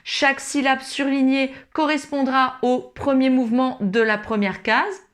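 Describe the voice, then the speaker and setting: A woman teaches ukulele in an online lesson, speaking in a high, steady voice at a measured pace. She's encouraging and addresses the learner directly, while loud ukulele playing runs beneath her words.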